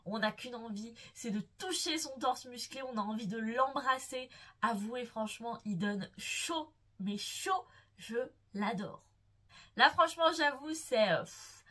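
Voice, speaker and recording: A young woman chatting casually about her favorite books, gushing and playful, swooning over the characters she loves. Her voice sits a little higher than most. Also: pushed and bright. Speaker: book vlogger. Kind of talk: casual enthusiastic book chat.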